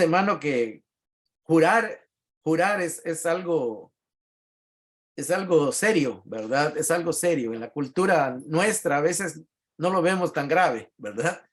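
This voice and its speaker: A middle-aged man with a Latin American Spanish accent, a pastor teaching a Bible class in a relaxed, conversational way, reading verses aloud and explaining them with frequent tag questions. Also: fairly high pitch.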